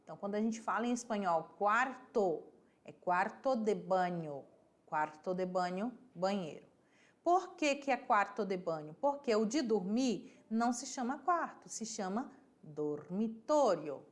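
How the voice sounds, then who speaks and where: A woman teacher with a Brazilian Portuguese accent, giving a recorded vocabulary lesson and repeating each word slowly and clearly for her pupils. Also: medium pitch, lively intonation. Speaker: Spanish teacher.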